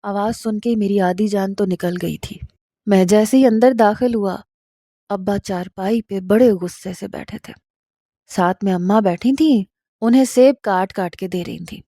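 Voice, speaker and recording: Brief: woman storyteller, calm and measured, warm dark tone, dry close sound. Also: mid-range voice, dry recording. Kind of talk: first-person story narration.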